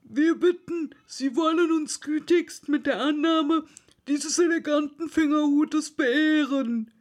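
A woman's voice: sits high, slow, darkish tone, voice pushed up. A woman voicing a solemn, pompous male Dodo bird in a storybook reading, speaking in a formal, ceremonious way.

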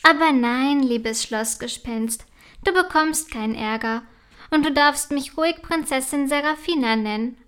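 A woman voicing a curious, kind little princess girl in a storybook, speaking gently and slowly. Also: high voice, fairly even intonation. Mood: gentle.

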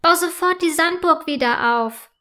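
Brief: outspoken young schoolgirl in a children's story, high and slow, a woman reading. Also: a bit bright. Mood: demanding. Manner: demanding.

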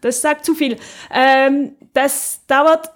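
A woman with a high-pitched voice, steady tone and slow pace co-hosts a podcast. She chats casually and conversationally, laughing easily while recommending audio dramas.

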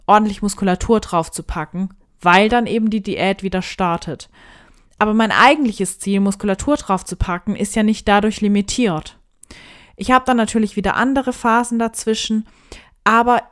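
A woman who does bodybuilding, talking reflectively and straight to her viewers in a casual advice monologue. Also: mid-range voice. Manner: reflective, addresses listeners directly.

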